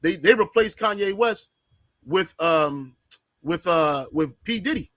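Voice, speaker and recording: A man's voice: high-pitched, expressive, a little slow, fairly bright tone, dry recording. Fervent man preaching in a dry voice. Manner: preachy, repeats words when starting phrases. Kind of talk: fervent religious discussion.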